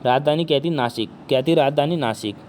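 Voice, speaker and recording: A male teacher giving an exam-prep history lecture, with a sore throat and speaking softly, who keeps asking questions and answering them himself. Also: medium pitch, quick pace, slight background noise.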